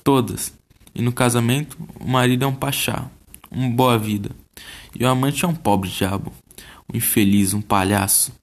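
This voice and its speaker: A man's voice: mid-range voice, steady tone, moderate pace. A man with a Brazilian accent, a podcast host reading a short story aloud in a casual way, who curses at his own slips. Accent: Brazilian Portuguese.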